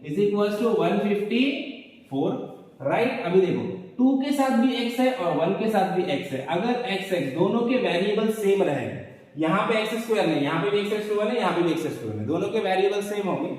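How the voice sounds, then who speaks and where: A man with a high voice teaches a maths lesson, coaxing students along by asking questions and then answering them himself. He stands back from the mic in a hard, echoey room, so a long reverb hangs after his words. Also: animated, fairly quick, darkish tone, recorded from a distance. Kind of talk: board lesson explaining step by step.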